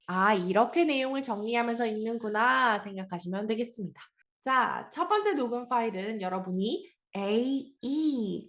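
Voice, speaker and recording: A woman's voice: on the high side, echoey room. A woman teaching an English reading lesson, patiently explaining and asking her listeners questions.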